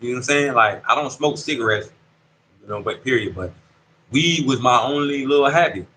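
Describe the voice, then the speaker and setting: Speaking a little fast in a bright, forceful medium-pitched voice, a man in his thirties shares a casual story from a prison dorm. He's an incarcerated interviewee who leans on street slang and repeatedly asks "you see what I'm saying." There's some hiss or hum on the rough recording.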